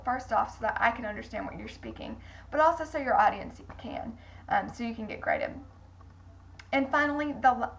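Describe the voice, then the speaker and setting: A woman's voice: fairly high pitch, creaky, slight background noise. A woman teaching a public speaking class in an earnest, repetitive lecture style with frequent ums. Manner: earnest, repeats key points, frequent ums. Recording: dull lo-fi recording.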